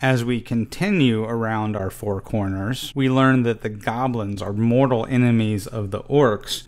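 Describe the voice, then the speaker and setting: A middle-aged man hosting his own channel, giving an earnest, scripted explanation of how to prepare a tabletop game campaign. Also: fairly low pitch. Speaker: channel host. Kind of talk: scripted tutorial narration.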